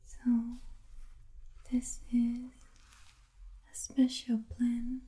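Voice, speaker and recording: A young woman playing a gentle Vietnamese princess in an ASMR role-play, speaking in a soft, breathy soft voice with a Vietnamese accent and short, soothing, attentive phrases. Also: on the high side, completely flat delivery, drawn-out words. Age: young adult.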